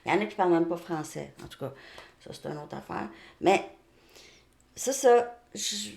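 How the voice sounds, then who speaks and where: A woman's voice: lowish voice, animated, moderate pace, creaky, darkish tone. Chatty Québécois woman reading tarot. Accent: Québécois French. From Quebec. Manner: chatty, repeats "ok?" often, frequent restarts. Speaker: tarot reader. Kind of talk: casual tarot card reading. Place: home, outside Montreal suburbs.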